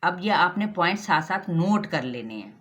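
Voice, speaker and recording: A woman with a Pakistani Urdu accent teaching Quran recitation rules, patiently explaining step by step and drilling each sound slowly. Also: fairly low pitch, sing-song, a bit bright. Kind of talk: tajweed lesson with recitation.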